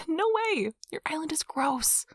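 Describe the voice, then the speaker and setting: Sing-song and high-pitched, she moves slowly through her full character voice as the playful, nerdy, affectionate young girlfriend, whispering breathily and teasing tenderly in soft-spoken ASMR. The recording is dry and cleanly studio-made.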